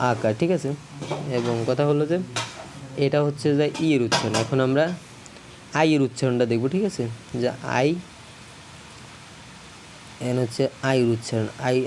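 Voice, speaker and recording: Brief: man teaching a casual video lesson, middle pitch, halting, self-correcting, faint noise behind. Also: fairly even intonation. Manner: repeats checks for understanding.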